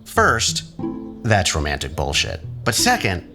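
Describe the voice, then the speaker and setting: In an audio drama, a male actor gives a full character voice to a low-voiced, menacing man of science. Speaking slowly with huge swings in pitch, he's sardonic and taunting, probing and goading with rhetorical questions. Music plays beneath him.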